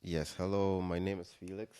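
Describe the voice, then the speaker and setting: A young man from Ghana, a guest on an interview podcast, telling his story in a relaxed, rambling way with many fillers and restarts. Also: low-pitched, moderate pace, smooth, no room sound. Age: young adult. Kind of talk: casual interview chat.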